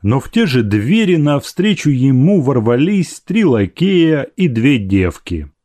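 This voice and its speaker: A male audiobook narrator reading a classic novel. His delivery is unhurried and his pitch moves expressively. The recording is dry and close. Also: dry recording. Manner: measured, expressive storytelling. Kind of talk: scripted narration.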